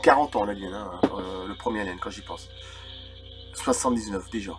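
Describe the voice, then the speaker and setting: Speaking at a moderate pace in a lowish voice, a man in his 30s hosts a video channel, reading from a book with informal, meandering asides. Creepy film music plays in the background.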